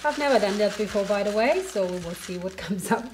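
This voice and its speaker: Sniffling from a cold, a home cook who speaks German natively chats her way through a cooking demo indoors in her kitchen. She sounds expressive and fairly quick in a mid-range voice, and music and other noise fill the background.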